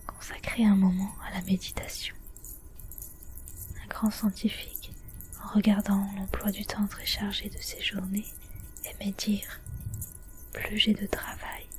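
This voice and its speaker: A woman speaks in a soft ASMR whisper, breathy and hushed throughout. Her delivery is measured and instructional, laid out in short phrases with little melodic movement. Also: mid-range voice, little pitch movement. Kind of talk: whispered ASMR guided wellness advice.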